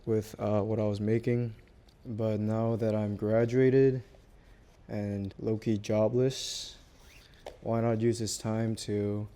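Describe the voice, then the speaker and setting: A beginner vlogger in his twenties, a native Korean speaker from South Korea, chats to camera in unscripted English. He's low-key, hesitant and halting. A small wireless clip-on mic picks up steady background noise.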